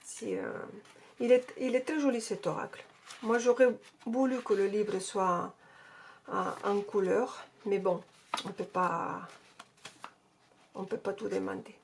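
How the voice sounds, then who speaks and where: A woman's voice: medium pitch, steady tone, measured pace, gravelly, pauses often, slight background noise. A woman casually reviewing an oracle card deck and reading out card texts, hesitating often. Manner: hesitant, with many fillers and restarts; reads card text aloud.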